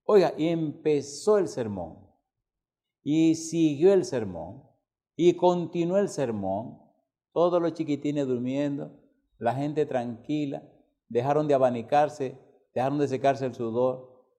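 Pastor guy preaching, relaxed mellow voice, keeps asking the church yes or no. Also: fairly high pitch, measured pace. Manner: asks the congregation questions and tells stories with humor. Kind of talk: sermon.

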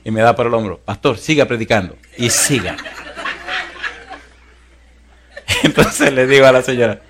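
Animated preacher telling a funny story. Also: male voice, mid-range voice, slow pace, background noise. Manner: animated storyteller, swings from hushed to loud. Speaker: pastor. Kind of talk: sermon with humorous storytelling.

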